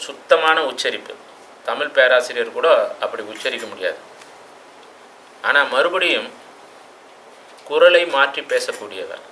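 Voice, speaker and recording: A man lectures in a reflective way, tossing out rhetorical questions and now and then landing hard on a word. His voice is bright and forward. A faint ambient hum sits behind him. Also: medium pitch, poor audio. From Tamil Nadu. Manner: reflective, with rhetorical questions and sudden loud stresses. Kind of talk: classroom lecture.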